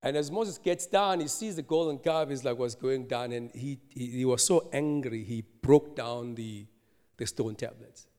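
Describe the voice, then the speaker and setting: A man preaching a sermon, telling a story with lively asides and frequent laughter. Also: medium pitch, moderate pace. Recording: long hall reverb.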